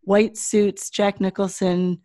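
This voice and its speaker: A woman's voice: mid-range voice, little pitch movement, slow, warm tone, no echo. Middle-aged woman, Michigan Great Lakes accent, podcast co-host, casual chat, dry close recording.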